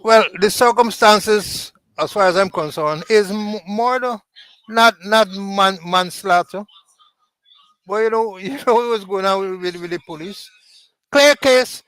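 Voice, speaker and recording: A man's voice: high-pitched, unhurried, a bit bright, smooth, dry recording, low-quality recording. An older former police commander, insistent and stammering as he talks. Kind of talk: casual chat.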